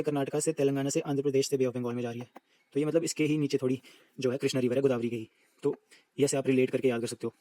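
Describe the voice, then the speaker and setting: A man teaching an exam-prep geography lesson, reciting lists briskly and repeating them to drill them in. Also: medium pitch, darkish tone, no room sound, rough recording.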